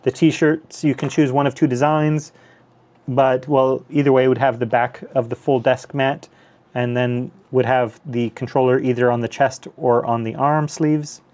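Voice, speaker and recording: A North American man from the US and Canada hosts a casual live stream as a handheld gaming streamer, chatting over gameplay. His mid-range voice has a darkish tone and flat delivery at normal speed, and he rambles loosely with many fillers and restarts.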